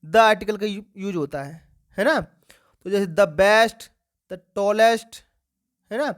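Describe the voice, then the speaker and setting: Woman teacher quizzing students aloud. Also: medium pitch. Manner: asks the class questions and answers them herself; repeats key words slowly for emphasis. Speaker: English grammar teacher. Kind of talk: exam-prep grammar lesson for students.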